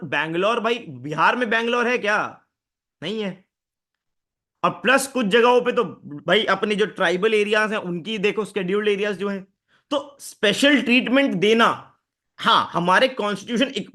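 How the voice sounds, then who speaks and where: A man's voice: sits high, fairly bright tone. A young man giving a live online exam-prep lecture, explaining concepts chattily and often quizzing his students. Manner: conversational Hinglish teaching, asks students questions.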